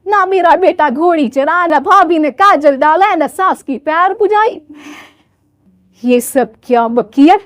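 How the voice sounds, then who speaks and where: A woman's voice: very high-pitched, lively intonation, slow, dry recording, clean studio sound, full character voice. Old storybook mother-in-law, a woman putting her on, bossy and drawling.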